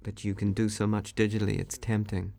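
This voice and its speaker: Low, gravelly male director, flat delivery, for a relaxed DVD commentary. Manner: relaxed, measured, with frequent ums and uhs. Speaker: film director giving commentary.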